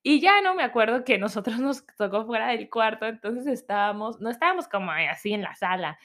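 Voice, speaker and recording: A woman's voice: fairly high pitch, fairly quick. Chatty young Mexican woman telling a story. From Guadalajara, Mexico. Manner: chatty, animated, acts out quoted voices. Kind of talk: casual storytelling.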